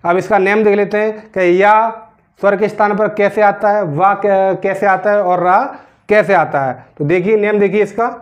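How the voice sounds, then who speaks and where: High-voiced teacher explaining grammar. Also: male voice, steady tone, normal speed. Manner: repeats questions to the class, drags out words while writing. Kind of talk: classroom grammar lesson.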